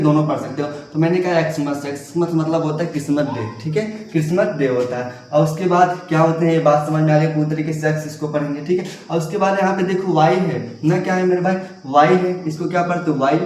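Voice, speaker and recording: A man's voice: fairly high pitch, a little mellow, recorded from a distance. A man teaching English letter sounds, who keeps asking questions and answering them himself and calls his viewers brother. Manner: repetitive, asks and answers his own questions. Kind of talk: classroom lesson. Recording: very echoey room, voice away from mic.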